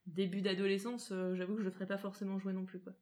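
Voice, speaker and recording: A woman's voice: mid-range voice, level tone, fast talker, mellow. A woman co-hosting a casual round-table podcast, talking with many hesitant fillers. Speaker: podcast co-host.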